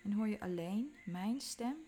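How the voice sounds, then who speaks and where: Woman, calm meditation guide, unhurried delivery, faint music underneath. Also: medium pitch. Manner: slow, calm, soothing instructions with soft whispered moments.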